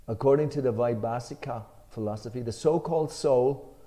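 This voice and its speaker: This Irish man reads a scripture commentary aloud with emphasis and then talks it through in a relaxed manner, dropping in some fillers as he leads the discussion. His pitch is medium and his speed normal.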